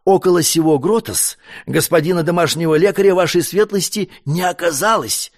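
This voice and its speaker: Flustered old servant, stammers, rises in pitch when scared, as a narrator puts him on. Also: male voice, moderate pace. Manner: stammering, breathless reporting. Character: terrified stammering old household butler.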